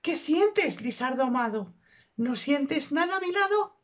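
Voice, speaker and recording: A lovesick young noblewoman pours out her passion in melodramatic exclamations in a stage comedy, as a woman acts her out. Her voice is very high, and the recording is dull and muffled. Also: sing-song, measured pace. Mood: melodramatic love.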